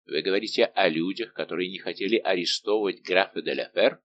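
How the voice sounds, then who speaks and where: A man's voice: low-pitched, fast talker, fairly bright tone, muffled recording, slight background noise. A man reading an audiobook, voicing a haughty young king who questions and rebukes with indignation. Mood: indignant. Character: haughty young male king, imperious and angered.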